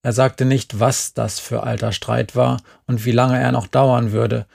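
A man reads a story aloud in a calm, steady storytelling manner. His mid-range voice carries a gravelly, creaky edge. The narration is even and measured. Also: medium pitch. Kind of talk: audiobook reading.

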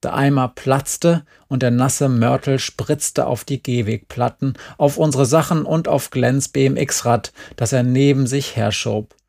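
Gravelly male audiobook narrator. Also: medium pitch, unhurried, few pauses. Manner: calm storytelling. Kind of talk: audiobook reading.

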